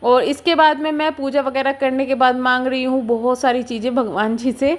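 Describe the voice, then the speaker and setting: In her home vlog, a young vlogger speaks in a light, high voice about daily life. Her tone is relaxed and confiding, and she takes her time, chatting with the audience like an old friend.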